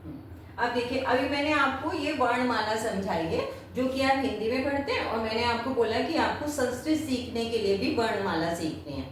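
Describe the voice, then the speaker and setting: A woman's voice: on the high side, expressive, normal speed. Patient lady teacher going step by step, swoopy voice, faint hiss, far from the mic. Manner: patient, repeats "ठीक है" and checks with questions. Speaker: Sanskrit teacher. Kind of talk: explaining at a whiteboard. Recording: very echoey room, mic far off, faint noise.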